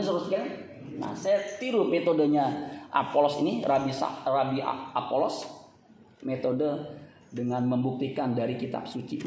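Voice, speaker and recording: High-voiced pastor preaching in an echoey hall. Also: male voice, a little mellow. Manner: humorous, colloquial asides to the congregation. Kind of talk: sermon. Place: church hall. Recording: very echoey church hall, faint room noise.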